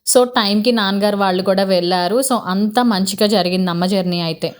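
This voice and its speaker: A woman in her thirties narrates a family vlog with a Telugu accent. Her tone is soft and emotional, and she explains each step patiently. Her voice sits at a medium height. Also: mid-range voice, fairly even intonation, brisk. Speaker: vlogger.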